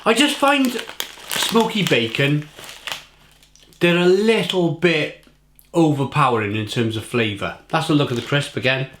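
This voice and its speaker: A man giving a casual, rambling snack review, munching crisps between phrases and repeating himself for mock-dramatic emphasis. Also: medium pitch, measured pace, fairly bright tone. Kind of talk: casual food tasting review to camera. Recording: echoey room, faint noise, packet crinkling. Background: crisp packet crinkling and crunching.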